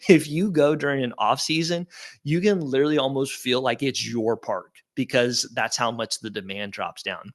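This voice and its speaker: A man's voice: medium pitch, normal speed. A middle-aged man presenting a live webinar and taking audience questions, speaking in a casual, upbeat, conversational way with plenty of fillers.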